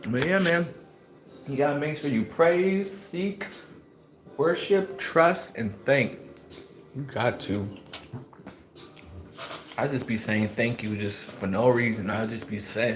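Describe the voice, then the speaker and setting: A man's voice: medium pitch, takes it slowly, pauses often, soft background music. A man vlogging a casual mukbang, rambling on as he eats and talking with his mouth full. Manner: rambling, chats while chewing.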